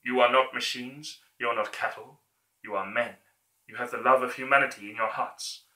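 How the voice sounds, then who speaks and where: A man's voice: medium pitch, steady tone, normal speed, pushed and bright. A man playing an earnest, humble orator in a theatrical dictator speech, declaimed with emphatic repetition and fervent appeal. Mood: fervent, rousing. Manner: declamatory, emphatic repeated phrases, building to fervent exhortation. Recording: echoey room.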